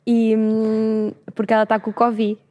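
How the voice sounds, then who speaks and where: A woman's voice: on the high side, completely flat delivery, normal speed, darkish tone. A woman with a European Portuguese accent, co-hosting a casual podcast chat in a wry, playful way. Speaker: podcast co-host.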